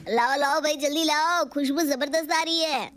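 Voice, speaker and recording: A woman's voice: sits high, normal speed, a bit bright, faint music behind, pitched above the performer's own voice. A woman voicing a cheerful, hungry young husband in a cartoon story, playful in manner.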